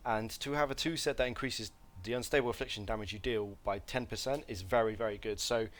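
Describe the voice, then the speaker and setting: Briskly and in a lowish, fairly bright voice, a game guide presenter gives an informal gameplay tutorial. He meanders, corrects himself often, fills it with fillers, and has a slight cough from mild throat irritation.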